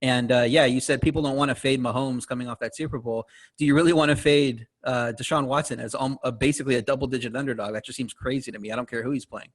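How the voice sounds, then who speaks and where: Guest analyst guy on a betting podcast, talks quick, mid voice, lots of fillers. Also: medium pitch, steady tone. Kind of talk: casual sports betting talk.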